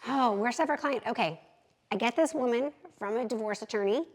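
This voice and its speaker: A realtor in her thirties, telling animated, candid stories as a podcast guest. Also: fairly high pitch, brisk, low-quality recording. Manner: animated, candid, acts out quotes. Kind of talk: lively storytelling in an interview.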